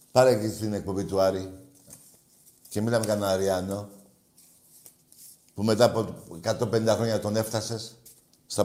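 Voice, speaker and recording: Low-voiced guy hosting a call-in show, ribbing callers with crude jokes, roomy echo on him. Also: darkish tone. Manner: teasing and crude, mocks callers. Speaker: radio call-in host. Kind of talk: casual call-in banter.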